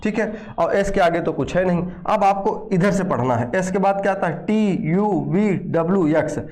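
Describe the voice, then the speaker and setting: A man's voice: high-pitched, moderate pace, darkish tone. A man teaches an exam-prep lesson. He talks students through each step, counting letters aloud and repeating reminders to keep in mind.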